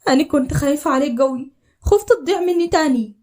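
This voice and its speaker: A young Upper Egyptian wife, emotional and pleading, with a high voice, as a woman voices her. She speaks fast in a storybook audio drama. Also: animated, a little mellow. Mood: tender. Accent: Upper Egyptian Arabic.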